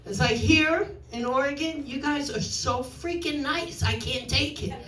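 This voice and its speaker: A New York woman in her sixties performs a brash, self-mocking stand-up set on a club stage. Her voice sits high with a fairly bright tone at a measured pace, picked up from far off in roomy club sound with a little hiss or hum.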